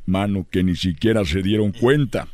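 A man with a somewhat low voice tells a funny tale with lively energy. He often breaks into laughter as he speaks. A faint hiss sits behind him. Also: normal speed. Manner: animated, often laughing while telling. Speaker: storyteller. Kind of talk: comic storytelling.

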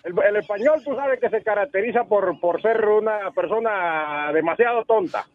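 A man's voice: high-pitched, moderate pace. A man calling in to a radio show, friendly and rambling, with many restarts. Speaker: caller. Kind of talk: casual phone-in chat. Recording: tinny phone line.

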